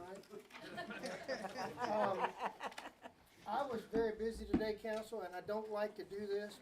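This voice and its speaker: A woman chairing a town council meeting, folksy and self-deprecating, halting with many ums. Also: medium pitch, noisy background. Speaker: council presiding officer.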